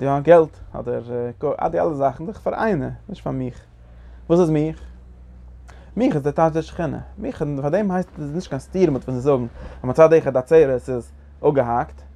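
A man's voice: mid-range voice, creaky, dark tone. A man giving a Torah lecture, asking rhetorical questions and restarting phrases often. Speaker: Torah teacher.

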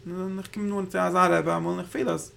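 Gravelly-voiced man teaching Torah in Yiddish. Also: high-pitched, flat delivery, normal speed, fairly bright tone. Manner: rambling, thinking aloud, Hebrew terms woven in. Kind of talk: Yiddish Torah class on the Zohar.

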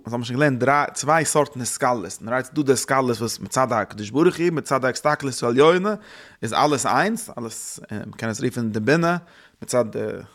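A man giving a religious lesson, thinking aloud in halting phrases that he often repeats and restarts. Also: mid-range voice, a bit bright. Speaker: religious teacher.

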